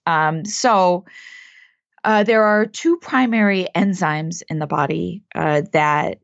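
A woman with a gravelly, scratchy whiskey voice explains things casually and haltingly as a podcast co-host. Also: fairly low pitch, dry recording, highs cut off. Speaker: podcast co-host answering listener questions.

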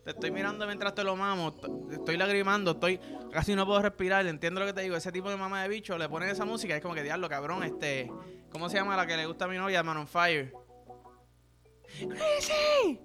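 A man's voice: high voice, steady tone, quick pace. A young man with a Puerto Rican accent, hosting a podcast in a crude, rambling, joking monologue. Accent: Puerto Rican Spanish. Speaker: podcast host. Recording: music playing in background.

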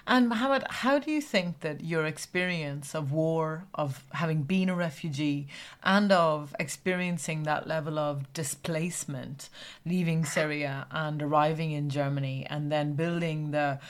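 Low-voiced woman podcast host. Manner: measured, with soft encouraging backchannels. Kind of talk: interview questions.

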